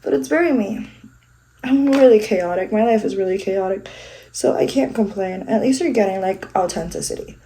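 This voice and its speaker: A woman's voice: medium pitch, moderate pace, mellow, a little hiss or hum, rough recording. A congested young woman filming a casual makeup vlog at home, rambling and joking about herself with casual swearing. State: congested, sniffling. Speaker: vlogger. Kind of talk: casual get-ready-with-me chat.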